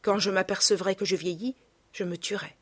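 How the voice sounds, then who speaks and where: Anguished young man, pleading and tearful, slightly raised and breathy, as a woman reader puts him on. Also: mid-range voice, fairly even intonation, brisk, fairly bright tone. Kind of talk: audiobook reading.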